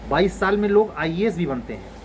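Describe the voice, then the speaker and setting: A man's voice: high-pitched, sing-song, a little fast, a little hiss or hum, low-quality recording. A man in his forties, an exam coaching teacher, giving students a blunt, exasperated scolding lecture.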